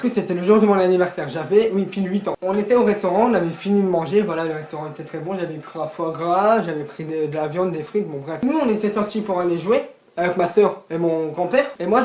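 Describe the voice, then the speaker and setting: A teenage boy casually telling a storytime vlog, rambling and animated with joking asides to viewers. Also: sits high, a little hiss or hum. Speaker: storyteller vlogger. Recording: echoey room.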